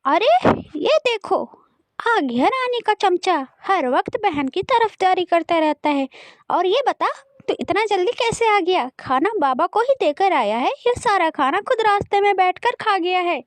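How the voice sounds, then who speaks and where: A woman doing a shrill scolding stepmother. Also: expressive, measured pace, no echo. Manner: shrill, cutting and scornful. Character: harsh scolding stepmother, favours her own son. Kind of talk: cartoon story voice acting.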